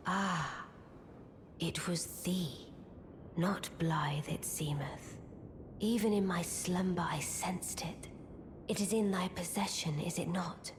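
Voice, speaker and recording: Hushed, slow, haughty witch. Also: lowish voice, noisy background. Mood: cool, grateful. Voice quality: breathy, whispery. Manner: hushed, stately, formal archaic speech. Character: haughty, enigmatic young witch inhabiting a small doll. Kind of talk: archaic, theatrical video game dialogue.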